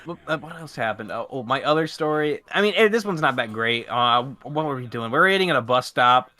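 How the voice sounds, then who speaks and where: A man's voice: mid-range voice, lively intonation, brisk, sharp tone. A young man telling a story in a casual podcast chat, hesitant and stammering. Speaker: podcast co-host.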